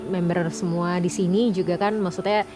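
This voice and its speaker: A woman's voice: fairly low pitch, fairly even intonation, normal speed, over music. A woman interviewing a guest in a casual chat, affirming his answers and slipping in English phrases.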